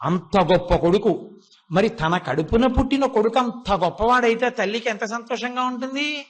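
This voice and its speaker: A man's voice: very high voice, normal speed. A man giving a devotional discourse. He tells a story, retells its dialogue in his own voice, and poses rhetorical questions that he then answers himself. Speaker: religious discourse speaker.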